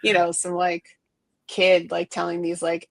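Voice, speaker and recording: A middle-aged woman with a lowish, monotone voice and vocal fry chats casually as an art director guest in a dry recording. Her interview talk rambles in quick bursts, crowded with fillers and restarts.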